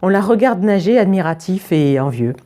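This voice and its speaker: A young woman reading a children's book aloud in an expressive way, prone to fits of giggling. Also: fairly low pitch, normal speed. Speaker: storyteller.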